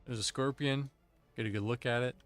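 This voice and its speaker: A man's voice: medium pitch, fairly even intonation, brisk, soft background music. A man streaming an online game with friends, chatting casually in a playful, jokey, self-teasing way into a desk microphone. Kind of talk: casual gaming chat.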